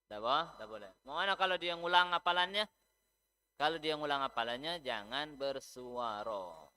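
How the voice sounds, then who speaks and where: A man giving a mosque study lecture, animated, acting out how a teacher corrects a pupil's recitation. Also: medium pitch, clear, resonant tone. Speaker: religious teacher.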